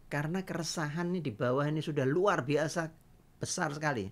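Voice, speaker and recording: A man's voice: fairly high pitch, brisk. An older man lays out his views in a casual political chat, earnest and emphatic. He lectures patiently and presses his points home. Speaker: father giving views on a livestream.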